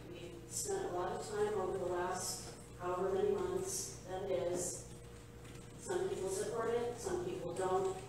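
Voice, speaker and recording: A woman makes an earnest, firm public comment, urging city council members to act. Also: mid-range voice. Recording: echoey council chamber, far from the mic, background noise.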